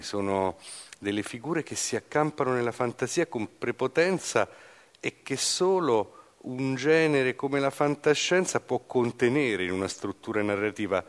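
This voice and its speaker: A man giving a thoughtful literary commentary, pausing often with hesitations. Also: medium pitch, big-room sound.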